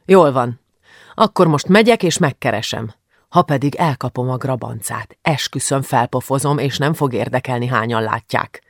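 A man's voice: no room sound, studio quality, close to an everyday voice. A man doing a stern angry father. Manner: stern, rumbling, commanding. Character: stern, angry middle-aged father, protective.

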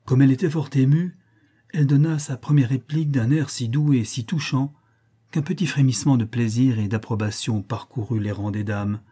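A man narrating a classic short story as an audiobook reading, in a measured, literary storytelling manner. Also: medium pitch, warm tone, breathy edge.

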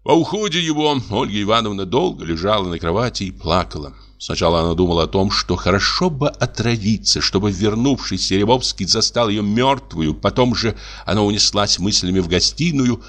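A male narrator reads a classic story in a measured, expressive voice. His pitch sits on the low side. The style is polished audiobook narration.

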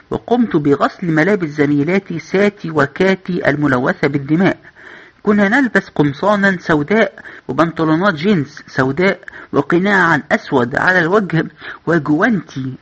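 A man's voice: fairly high pitch, fairly bright tone, breathy edge, lo-fi sound. A man with an Egyptian Arabic accent hosting a podcast, reading book passages aloud and then commenting in casual talk full of hesitations. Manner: reads quoted passages with raised voice, then chats with many hesitations. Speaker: podcast host.

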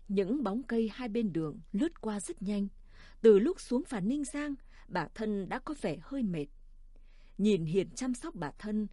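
A woman narrating a story in a calm, measured audiobook reading. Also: medium pitch, no echo, studio quality.

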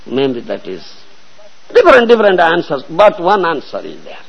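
A man's voice: fairly high pitch, wildly swooping pitch, moderate pace, gravelly, husky, dull audio. A man giving a devotional sermon and telling a story, often repeating phrases and checking that listeners follow. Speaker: religious teacher.

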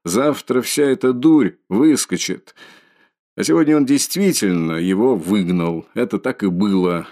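A man's voice: fairly low pitch, animated, a little slow, warm tone. A man doing a tipsy, blustering young friend.

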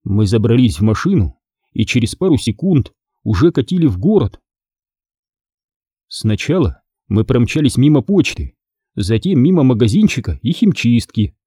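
A man narrating a children's storybook in an expressive reading. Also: mid-range voice, moderate pace, breathy edge, dry recording, clean studio sound. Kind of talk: audiobook narration.

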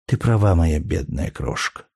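A man's voice: low-pitched, animated, unhurried, gravelly, husky, dry recording, studio quality, pitched below the performer's own voice, full character voice. A man reading an audiobook, voicing a grieving young Roman mother who speaks tearfully and tenderly. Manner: tearful, pleading, softly emotional.

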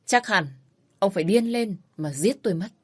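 A woman narrating a family drama in the first person, in a calm, subdued tone. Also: mid-range voice, moderate pace, breathy edge.

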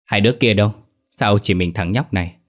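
A sly, wicked demon woman who hides in a human body, read by a man in a low voice. She talks sharply and impatiently, always scheming. It plays like a horror audio story. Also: brisk, natural voice. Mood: sly, irritated.

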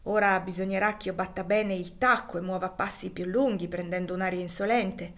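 A woman's voice: on the low side, steady tone, a little fast, fairly bright tone. A woman voicing a young mother escaping slavery in an audiobook, speaking with tender, emotional feeling. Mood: hopeful tender. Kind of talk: audiobook dialogue.

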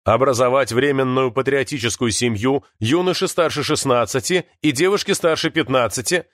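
A man's voice: medium pitch, moderate pace, a bit bright, dry recording, clean studio sound, natural voice. Pompous president, firm official tone, read by a man. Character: pompous male president giving a TV address.

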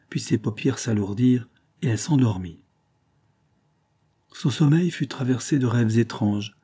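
Low husky male storyteller. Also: mellow. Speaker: audiobook reader. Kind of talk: scripted narration of a novel.

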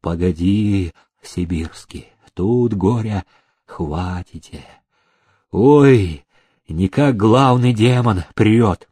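A man voicing a chatty, grumbling male factory worker with a low, drawn-out voice. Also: dark tone, husky, dry recording, heavily acted.

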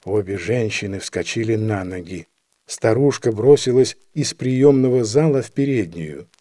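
A man narrating a classic story aloud with expressive delivery. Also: lowish voice, moderate pace, dry recording, studio quality. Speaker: audiobook reader. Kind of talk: scripted narration.

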